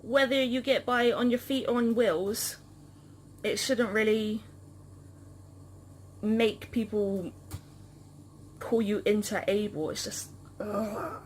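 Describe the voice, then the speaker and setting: A woman's voice: mid-range voice, steady tone, slow pace, pauses often, a little hiss or hum. A woman vlogging with a partner, talking frankly and with some exasperation, often restarting her sentences. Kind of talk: casual vlog chat.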